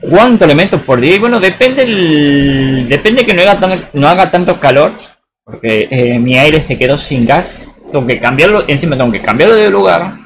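Expressive and a little high, the man's voice keeps a moderate pace over slight background noise. With a Tucumán Argentine accent, he rambles casually while playing on a live stream, slangy and saying "boludo" often.

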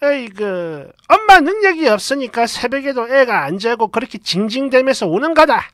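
A woman voicing a nagging older mother-in-law who scolds loudly in a shrill voice. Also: sing-song, normal speed, no echo, clean studio sound. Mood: scolding.

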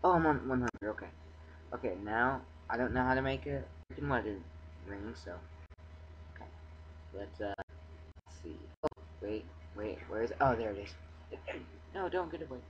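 A man's voice: moderate pace, pauses often. Muffled young man rambling over gameplay. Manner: rambling, excitable, self-talking. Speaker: gameplay video maker. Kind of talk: casual gameplay commentary. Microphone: cheap computer mic. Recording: muffled low-quality computer mic, faint background hum.

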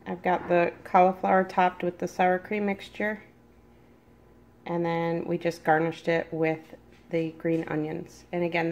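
A cooking vlogger in her forties, her voice lowish, gravelly, and darkish, chats straight to viewers while cooking and tasting a meal in her home kitchen. It's a casual walkthrough filmed on a camera held at arm's length, with sizzling and echo in the kitchen.

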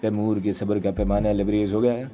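A man narrates a thriller novel in the first person with a steady, measured delivery. His voice is low and mellow. The audio is dull and lo-fi, with faint background music.

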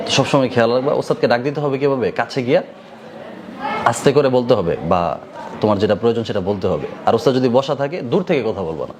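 A male madrasa teacher speaks in colloquial Bangladeshi Bengali as he gives his students a moral lesson. He checks their attention by turning each point into a question for them to answer. Steady noise hums under his voice throughout. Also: medium pitch. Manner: quizzes listeners with repeated rhetorical questions.

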